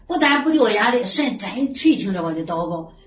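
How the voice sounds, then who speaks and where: A woman's voice: on the high side, sing-song, a little fast. A middle-aged woman giving an earnest personal faith testimony, full of sighing exclamations. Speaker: church member giving testimony. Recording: distant roomy lo-fi recording with faint hiss.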